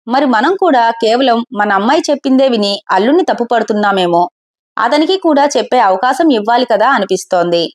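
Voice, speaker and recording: A gentle older mother, soft and soothing, patiently talking her proud husband round, as a woman storyteller voices her. Her tone stays mild and reasonable, with a slightly high voice. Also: animated, a little fast, natural voice. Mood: coaxing.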